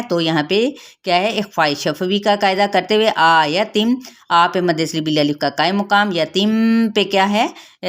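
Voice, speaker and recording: A woman with a Pakistani Urdu accent teaching Quran recitation, patiently explaining rules and stretching out sounds slowly to demonstrate them. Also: fairly low pitch. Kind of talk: tajweed lesson with slow demonstrations.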